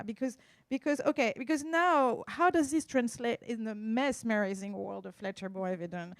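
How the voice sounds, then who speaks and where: A woman with a French accent gives a slide presentation as an art appraiser. She feels her way through phrases, with hesitations and asides. The sound is dry, with very little room echo. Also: medium pitch. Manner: hesitant, searching for words, with asides.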